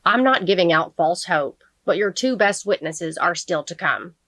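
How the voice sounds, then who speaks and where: A woman voicing a confident young male defense attorney who talks smoothly and a bit cockily. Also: fairly low pitch, lively intonation, normal speed, fairly bright tone, dry recording.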